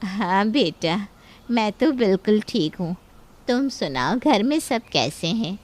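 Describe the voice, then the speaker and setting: A woman voicing a kind middle-aged mother speaking gently on the phone. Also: medium pitch, animated, takes it slowly, noisy background, pitched below the performer's own voice. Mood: concerned.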